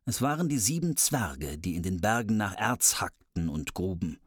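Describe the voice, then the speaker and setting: Someone reading a fairy tale aloud in a lively, playful way, adding cheeky asides. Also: sits low, normal speed, breathy edge, no echo, studio quality. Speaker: storyteller.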